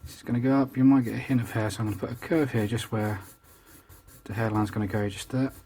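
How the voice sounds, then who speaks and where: A man talks quickly in a warm, mid-range voice with fairly even intonation, chattily and self-deprecatingly explaining each step of a casual live drawing tutorial. Only his voice is heard over the drawing; he's never shown speaking.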